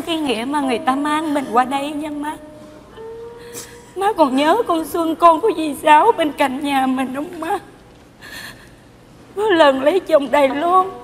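High, bright voice of a tearful young bride, acted by a woman. Her pleading, melodramatic delivery rings through a large theater hall, with music behind her. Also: close to an everyday voice. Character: young Vietnamese bride Mai, tearful and devoted. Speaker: stage comedy actress. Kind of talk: stage sketch acting. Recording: live stage with hall echo and music.

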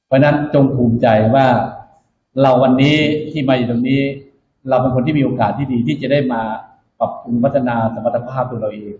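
A man's voice: mid-range voice, fairly even intonation, fairly quick, a little hiss or hum. A man speaking as a military officer to new recruits, instructive and emphatic, repeating his key points in a motivational orientation speech. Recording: echoey room, dull muffled sound.

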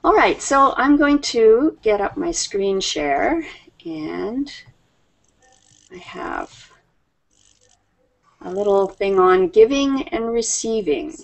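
Over a webcam on a video call, a fifties-aged woman leads a slow, friendly English lesson from indoors at home, laughing a lot and staying patient with her students. Her mid-range voice is gravelly, swings widely in pitch, and pauses often. The audio quality is poor.

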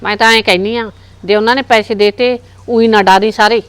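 A woman's voice: a little high, fairly even intonation, brisk, smooth, lightly acted. A woman playing a greedy middle-aged mother of the groom, blunt and haughty. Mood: scolding.

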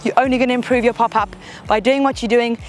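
A woman's voice: a little high, steady tone, fast talker, soft background music. A woman fitness instructor leading a workout, cheering on and counting down reps, a bit out of breath from moving along, with a mic close to her mouth. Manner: upbeat, encouraging, counting down reps. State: slightly out of breath while exercising. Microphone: headset or clip-on mic close to mouth.

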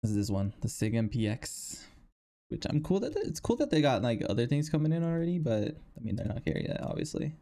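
A man streaming live gameplay and talking through it in excitable, casual gamer slang. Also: medium pitch, fairly quick.

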